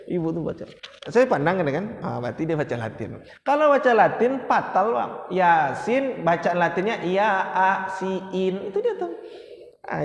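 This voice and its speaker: A man preaching a mosque study sermon, lively and joking as he speaks straight to the congregation. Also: high voice. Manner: lively, joking, addresses the audience directly. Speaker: Islamic preacher. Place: mosque hall. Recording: echoey hall with long reverb.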